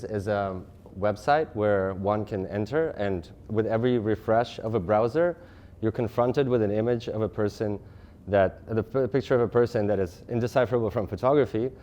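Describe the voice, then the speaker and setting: A man in his thirties from Russia giving a lecture presentation, talking fast, with frequent restarts and fillers. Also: fairly low pitch, warm tone. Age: 30s. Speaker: guest speaker.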